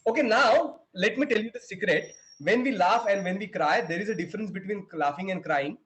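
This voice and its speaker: Animated Indian man teaching acting online. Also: high-pitched, drawn-out words. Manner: animated, demonstrating laughs. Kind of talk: online class, mixing Hindi and English. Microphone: video call.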